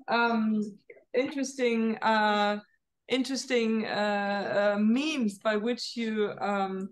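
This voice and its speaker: High-voiced hesitant woman moderator. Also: low-quality recording. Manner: hesitant, many fillers and restarts. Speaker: panel moderator. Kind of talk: moderating an online panel. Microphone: video call.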